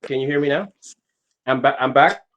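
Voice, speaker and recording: A man's voice: medium pitch, lo-fi sound. A man hosting a casual chat over a bad internet video call, his voice crackling with static as he apologizes and tries to fix the connection. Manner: apologetic, hurried, fixing his setup. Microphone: video call over home internet.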